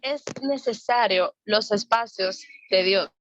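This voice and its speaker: A woman's voice: medium pitch, slow pace, a bit bright, no room sound, dull audio. A woman leading a Bible study, talking earnestly and repeating phrases for emphasis.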